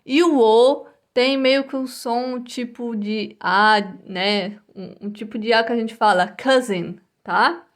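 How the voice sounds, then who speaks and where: Brazilian lady teacher going slow, lots of "tá?", fairly high voice, repeats every english word. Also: steady tone. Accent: Brazilian Portuguese. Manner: slow and patient, tags almost every phrase with "tá?" or "né?"; carefully spells out English pronunciation, repeating each word. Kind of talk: recorded online English lesson for first graders.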